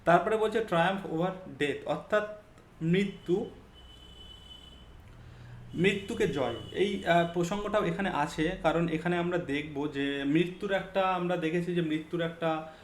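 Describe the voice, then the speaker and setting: A man's voice: fairly high pitch, a little slow, long pauses. A man teaching an exam-focused poetry lesson, explaining step by step, mixing in English terms and checking that students follow. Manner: mixes English terms into speech, frequent fillers. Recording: echoey room.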